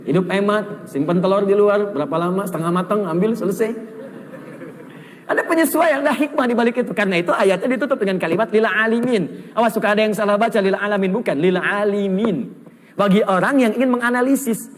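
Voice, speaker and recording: A man from Indonesia delivering a lively, humorous sermon as an Islamic preacher. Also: high-pitched. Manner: lively, humorous, acts out snippets of foreign speech. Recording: hall reverb.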